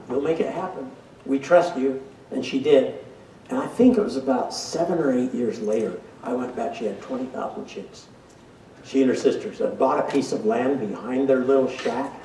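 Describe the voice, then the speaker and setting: A man's voice: medium pitch, warm tone, a little hiss or hum. An older man giving a storytelling lecture with folksy, self-mocking humor. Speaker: professor giving a talk. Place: lecture hall. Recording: roomy hall, speaker distant from mic.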